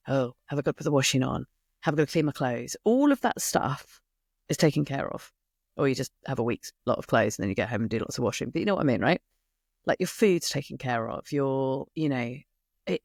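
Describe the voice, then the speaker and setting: A woman's voice: deep voice, a little mellow, no room sound, clean studio sound. A woman hosting a podcast, chatting casually and rambling, often breaking off and restarting her sentences. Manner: chatty, rambling, self-interrupting. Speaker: podcast host. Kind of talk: casual solo podcast outro.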